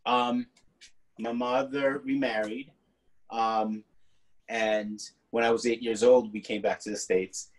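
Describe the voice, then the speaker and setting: An artist in his forties, a native Spanish speaker born in the US and partly raised in Guatemala, tells relaxed stories as a guest over a laptop webcam call. He's medium-pitched, unhurried and expressive, laughing easily, from a home room with colorful paintings on the wall. The audio is poor.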